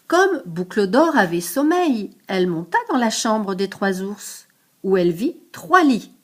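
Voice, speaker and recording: An older woman reading a picture book aloud to a grandchild, lively, stopping to explain hard words. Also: mid-range voice, measured pace.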